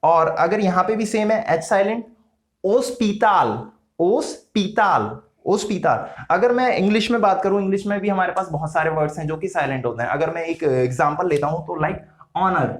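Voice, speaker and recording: A man teaching a casual spoken lesson, slow and patient, repeating each sound several times with frequent hesitant fillers. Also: high voice. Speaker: language teacher. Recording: roomy echo.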